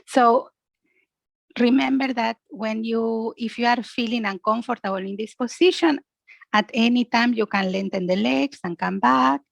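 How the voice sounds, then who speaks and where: A yoga and relaxation instructor guides a class through breathing and imagery, her slightly high voice carrying vocal fry at normal speed. The recording is dry with no room sound, and she is gentle and instructive, often tacking on a questioning "yeah?".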